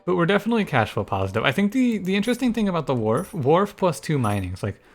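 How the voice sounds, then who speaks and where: Over a strategy game, this streamer and YouTuber muses aloud in a soft, soothing way, speaking fast and frequently starting over. His gameplay commentary is low-key and casual, backed by faint music.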